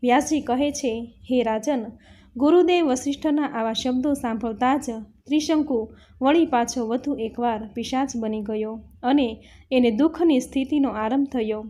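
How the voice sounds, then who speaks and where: A female storyteller delivers a scripted devotional narration for a religious reading, her warm, somewhat high voice steady and measured.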